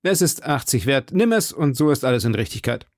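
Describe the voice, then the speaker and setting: A man's voice: mid-range voice, big pitch swings, a little fast, dry recording, studio quality, voice pushed up. A man doing an impetuous young swordsman. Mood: commanding. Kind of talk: audiobook character voice.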